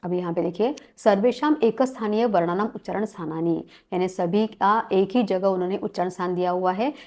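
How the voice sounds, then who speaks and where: A woman's voice: mid-range voice, fairly quick, mellow. A woman teaching a Sanskrit lesson, listing sounds one at a time and mixing English words into her speech. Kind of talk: spoken classroom-style lesson.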